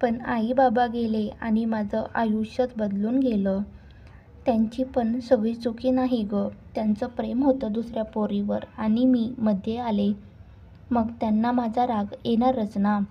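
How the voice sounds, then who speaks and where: A woman voicing a gentle, sorrowful young newlywed woman in a read-aloud story. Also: on the high side, steady tone, unhurried, husky, lo-fi sound. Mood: sad. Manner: quiet and sorrowful.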